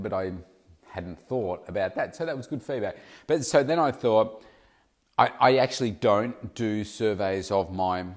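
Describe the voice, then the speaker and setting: On his casual solo podcast, a middle-aged weight loss coach thinks out loud, often halting mid-sentence to fix what he said. His voice is somewhat low and sounds a bit nasal because of hay fever.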